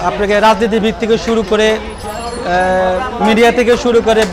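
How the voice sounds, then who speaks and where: A man talking through a face mask, speaking hesitantly with many pauses and filler sounds. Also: sits high, level tone. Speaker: grandson of a restaurant founder. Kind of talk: casual interview talk. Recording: loud crowd and music behind.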